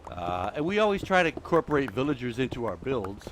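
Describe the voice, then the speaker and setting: A middle-aged man hosts a live gameplay stream while walking on a treadmill, so he sounds out of breath. He rambles in a chatty way and talks back to the creatures in the game. His voice sits at an ordinary middle pitch for a man. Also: very animated, brisk, noisy background. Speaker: host.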